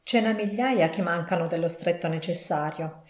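A polite, formal gentleman, as a woman reader puts him on, speaking in measured, courteous phrases in a low-set voice. The audiobook has a roomy echo. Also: natural voice. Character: polite, formal middle-aged gentleman collecting for charity. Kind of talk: audiobook reading.

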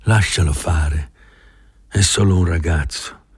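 A man voicing a calm indulgent ranch boss. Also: low-pitched, takes it slowly, husky, full character voice. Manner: calm and dismissive. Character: indulgent older male ranch owner. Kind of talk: audiobook character reading.

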